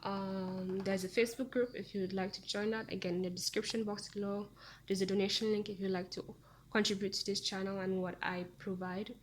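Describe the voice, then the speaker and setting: A woman's voice: mid-range voice, level tone, fairly quick, slight background noise. A woman giving a casual tarot reading to her viewers, talking in a chatty, meandering way with frequent ums. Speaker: tarot reader.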